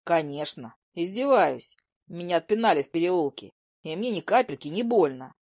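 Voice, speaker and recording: A woman reading a story voices a blunt, teasing young man in a lowered, slow, sardonic voice. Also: a little mellow, no room sound, studio quality.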